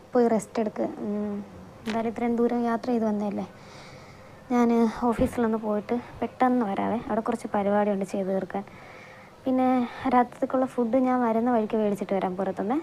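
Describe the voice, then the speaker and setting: A woman's voice: fairly high pitch, dark tone, a little hiss or hum, natural voice. A woman voicing a bossy but caring young friend who teases and reassures, in an amateur audio drama. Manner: brisk, teasing, reassuring.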